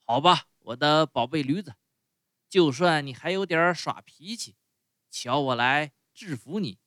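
A man voicing a gruff, greedy circus master who barks and scolds. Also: fairly high pitch, animated, moderate pace, bright, forceful tone, no echo, clean studio sound, pitched above the performer's own voice. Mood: angry. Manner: barking, scolding.

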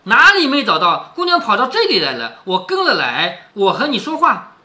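A wheedling, greedy middle-aged woman, all coaxing and fawning, as a man reading a storybook aloud puts her on. The voice is bright and swings widely in pitch. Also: wildly swooping pitch, moderate pace, exaggerated voice. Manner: coaxing, ingratiating.

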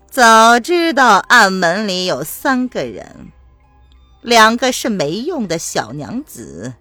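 A woman voicing a cruel, scheming older martial-arts nun who taunts slowly and with contempt. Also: medium pitch, no echo, voice pushed up, full character voice. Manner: slow, mocking, sneering.

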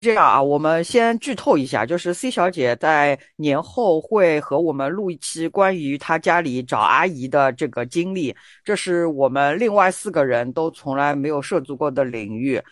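A woman's voice: deep voice, expressive, moderate pace, hardly any pauses, no echo. A woman hosts a casual group talk show, explaining things in a conversational way. The recording is dry, with very little room around the voice. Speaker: podcast host.

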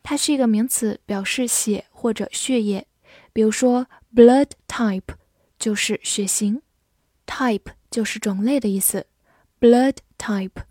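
A woman teaching English vocabulary in a slow, careful way, spelling out words letter by letter and repeating them. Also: on the high side, dark tone, dry recording, studio quality. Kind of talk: vocabulary lesson.

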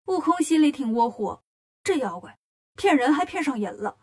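A woman narrating a children's story in a lively, expressive way. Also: sits high, moderate pace.

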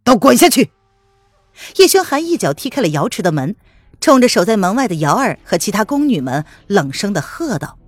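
Expressive woman narrating a novel. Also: mid-range voice, brisk, dry recording. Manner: expressive storytelling. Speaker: audiobook narrator.

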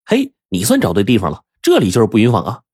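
A man voicing a young shop assistant who scolds quickly in a shrill, husky voice. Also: huge pitch swings, darkish tone, dry recording, studio quality, heavily acted. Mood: eager. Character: sharp-tongued young male shop assistant.

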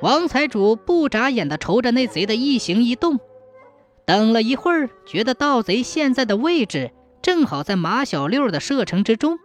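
Lively storyteller narrating a folk tale. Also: mid-range voice, moderate pace, soft background music.

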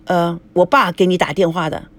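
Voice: mid-range voice, little pitch movement, normal speed, fairly bright tone, lightly acted. A reader voicing an awkward young husband who stammers in a storybook drama.

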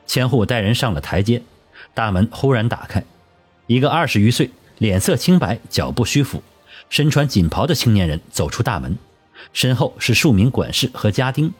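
A man tells a historical story in a measured audiobook style. His intonation rises and falls a lot, and his voice carries some huskiness. Soft music plays under the narration. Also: mid-range voice, big pitch swings. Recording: husky voice over soft music.

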